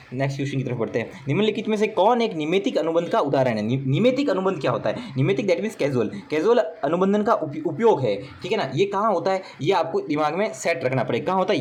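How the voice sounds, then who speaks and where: A male tutor with a high-pitched voice works through exam questions with his students. He jokes along the way and keeps checking they follow. A faint hiss of noise sits under the recording. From Rajasthan, India. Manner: chatty, joking asides, repeats "theek hai na". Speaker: exam coaching teacher. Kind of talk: recorded exam paper walkthrough.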